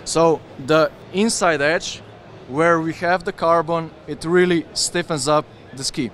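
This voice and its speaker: At a busy indoor trade fair, a ski brand representative eagerly pitches his skis into a handheld interviewer mic with a windscreen. He talks at a measured pace in a slightly bright voice, gesturing with his hands as he explains, while some background noise comes through.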